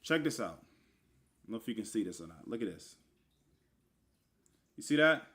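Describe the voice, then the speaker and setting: A man's voice: lowish voice, big pitch swings, moderate pace, a bit bright. A man casually teaching the meaning of scripture words, spelling them out letter by letter and calling the listener brother. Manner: informal, addresses listener as brother, many fillers and asides. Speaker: religious teacher. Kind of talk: casual online teaching with screen share.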